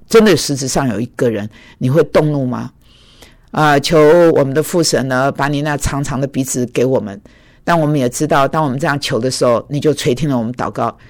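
A man's voice: mid-range voice, a little mellow, dry recording, studio quality. A middle-aged man preaching a sermon in a reflective, hesitant way, with many filler sounds.

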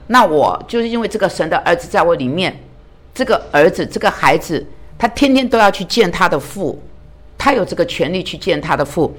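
A woman's voice: on the low side, lively intonation, brisk. A woman preaching a sermon in an earnest way, often putting questions to her listeners. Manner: earnest, asks the listeners many rhetorical questions.

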